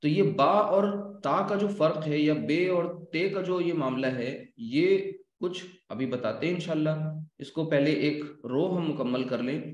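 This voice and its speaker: A man teaching an Arabic language class, explaining slowly and asking his students questions. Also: fairly high pitch. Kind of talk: classroom lecture. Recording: echoey room.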